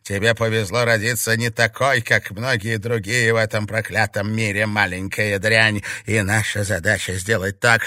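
A man's voice: on the low side, pushed and bright, no echo, clean studio sound. A man voicing a cruel, domineering old four-armed spider witch with a harsh, barking, sneering delivery.

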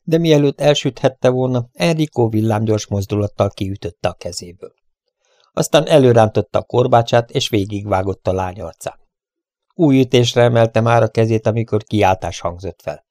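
A man narrating an adventure story in a steady, measured reading voice. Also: lowish voice, dry recording, studio quality. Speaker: audiobook reader.

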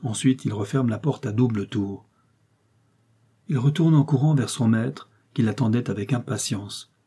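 A man reading a story aloud in a measured, unhurried scripted narration. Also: medium pitch, warm tone, slightly rough. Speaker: audiobook reader.

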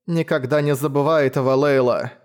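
A man voicing a frail bedridden young man who is clingy and possessive, hoarse and muffled. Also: medium pitch, fairly even intonation, a little fast, close to an everyday voice.

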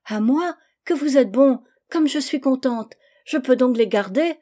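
A spoiled little girl from an old storybook, eager and pleading, her voice lifted high and bright with wanting. A woman reads her part aloud. The tone stays mellow and soft at the edges. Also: expressive, fast talker.

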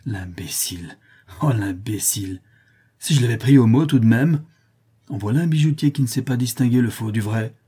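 A shy, stammering clerk with a dark, husky voice, caught off guard and unsure of himself, as a male reader puts him on. He speaks haltingly, like a character in a read-aloud classic tale. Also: mid-range voice, lightly acted. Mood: mocking. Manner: hesitant, stammering. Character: timid middle-aged male clerk, bewildered.

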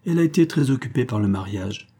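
A man's voice: medium pitch, animated, quick pace, mellow, slightly rough. A man doing a courteous aging bourgeois father. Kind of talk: audiobook character voice.

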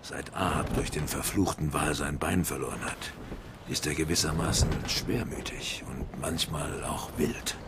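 An actor playing a gruff old sea captain who sternly warns a young man, in a radio play. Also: a bass voice, steady tone, unhurried. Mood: stern warning. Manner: stern, admonishing. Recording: noisy radio drama recording.

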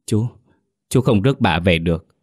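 A man's voice: low voice, expressive, moderate pace, dry recording, clean studio sound. Man doing a stammering, troubled village uncle. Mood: pleading. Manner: stammering, pleading. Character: troubled middle-aged village uncle, stammering, hot-tempered.

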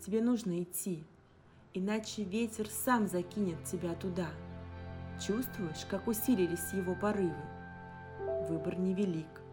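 A woman voicing a calm, tender young woman who gently reassures her friend. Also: on the low side, moderate pace, close to an everyday voice. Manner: gentle, reassuring, soft sighs. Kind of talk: audiobook character reading. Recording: guitar music underneath. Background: guitar music.

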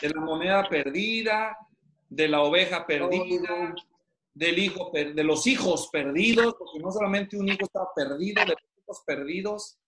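A man teaches pastors over a video call, his voice high for a man. He keeps firing questions at his students to pull answers out of them. The room around him sounds roomy and echoey. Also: normal speed, a bit bright, a little hiss or hum. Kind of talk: interactive online class. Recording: roomy echo.

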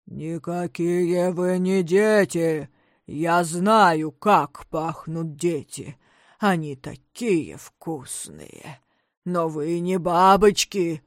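A woman voicing a big, hungry, grumbling male bear in a storybook, speaking slowly and low in a growl. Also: no echo, clean studio sound. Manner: slow, low growling delivery.

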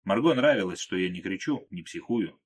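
A man narrating an audiobook in the first person, in a calm, low-keyed way. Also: brisk, husky.

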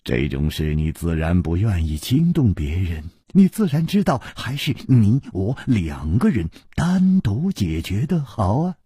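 A man voicing a shrewd wandering swordsman hero who speaks calmly and knowingly, slightly husky. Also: fairly low pitch, no echo, clean studio sound, pitched below the performer's own voice, exaggerated voice. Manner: calm, knowing, unhurried.

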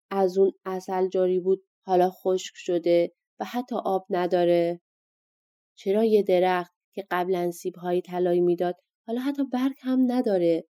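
A woman's voice: mid-range voice, dark tone, dry recording, studio quality, natural voice. A woman voicing an earnest young man on a quest in a storybook reading.

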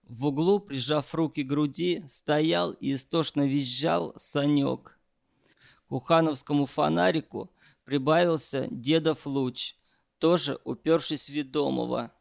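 A man narrating an audiobook story in a measured, even way. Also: fairly high pitch, creaky.

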